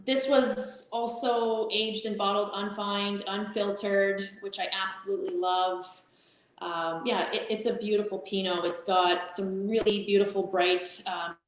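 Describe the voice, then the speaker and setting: A woman talking through a wine casually, like a sommelier describing a tasting. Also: medium pitch. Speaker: winery representative presenting wines. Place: indoors in winery tank room. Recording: very echoey room.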